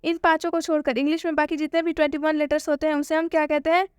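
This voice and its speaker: An English teacher gives a spoken English lesson, asking questions and answering them herself while repeating each point slowly. Her high-pitched voice keeps a level tone, recorded at studio quality with no echo.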